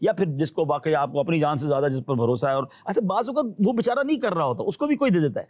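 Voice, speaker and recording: A man with a fairly high voice gives earnest, cautionary advice in an interview and slips into voices for the people he quotes. The sound is close and dry, with no room echo. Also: lively intonation, a little mellow. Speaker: guest advising pilgrims. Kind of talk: advisory interview talk.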